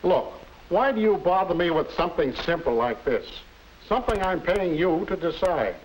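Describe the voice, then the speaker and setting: A man's voice: high-pitched, expressive, normal speed, a little hiss or hum, poor audio. A man acting as an impatient boss in a 1950s educational film, scolding sharply. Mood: irritated.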